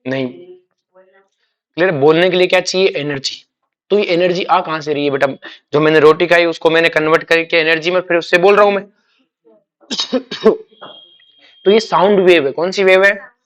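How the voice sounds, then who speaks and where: High-pitched, bright-voiced male chemistry teacher. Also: steady tone. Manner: asks quick check questions and repeats key words; calls students "beta", uses homely examples. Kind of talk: classroom lecture.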